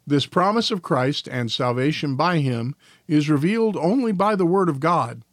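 A man's voice: fairly high pitch, expressive, moderate pace, dry recording, studio quality. A male podcast host reading a devotional and a church confession aloud in a careful way, now and then tripping over his words.

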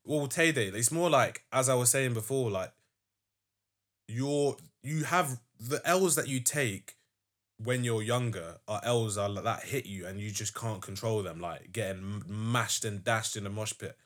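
A man's voice: on the low side, measured pace, a bit bright. A young man with a London roadman accent, chatting casually in emphatic slang and repeating phrases for effect. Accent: London, urban roadman slang. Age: young adult. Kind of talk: casual group chat, animated anecdotes.

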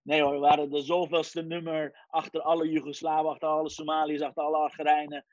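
A man in his forties from Iran, a guest telling his life story in a lively casual way, sprinkling in English phrases. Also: fairly high pitch, fast talker, no room sound. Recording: dry, dull lo-fi sound.

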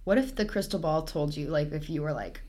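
A woman's voice: sits low, animated, fairly quick, warm tone. Bubbly young woman hosting a podcast. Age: young adult. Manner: bubbly, chatty, jokey. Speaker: podcast host. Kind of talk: casual chat. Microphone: laptop-less lower-quality setup.

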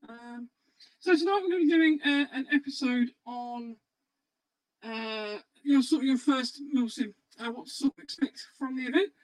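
A man hosting a casual livestream, talking through a voice changer that pitches his voice up to sound like a girl, hesitant with many ums. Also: moderate pace, no room sound, poor audio. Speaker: podcast host.

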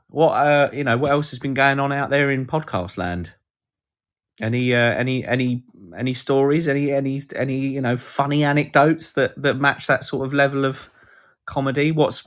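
A man hosting a live podcast, chatting casually and jokily, reading out comments from listeners. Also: mid-range voice. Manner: rambling, jokey, reads out chat comments. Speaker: podcast host.

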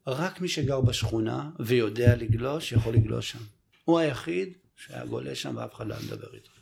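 Casually telling stories, a thirty-something man brings them to life by performing other people's lines with plenty of animation. He has a mid-range voice with some vocal fry.

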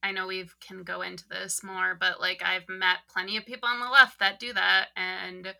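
Woman podcast cohost, gravelly and bright, swears a lot, candid. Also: medium pitch, level tone, normal speed. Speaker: podcast co-host. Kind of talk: casual chat.

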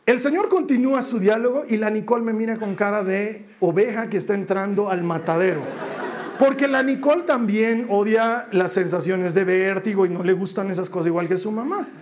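A man giving a sermon, telling a family story in a lively way and acting out the voices of the people in it. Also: high-pitched, a little fast, slight background noise. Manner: animated storyteller who acts out family voices. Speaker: preacher.

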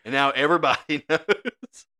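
Young co-host, animated laughing storyteller, bright and crisp tone. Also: male voice, fairly high pitch, normal speed. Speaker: podcast co-host. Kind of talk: casual storytelling.

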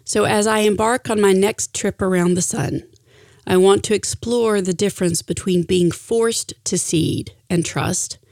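A middle-aged woman reading a personal reflection aloud in an earnest, deliberate way with emphatic phrasing. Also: medium pitch, steady tone, a little mellow, no echo, studio quality. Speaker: speaker sharing a personal reflection.

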